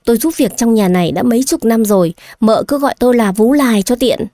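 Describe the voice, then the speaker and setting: A woman's voice: a little high, expressive, fairly quick, mellow, dry recording, natural voice. A woman voicing a dutiful housemaid in her sixties who speaks politely and coaxingly, in an audio story. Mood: patient coaxing.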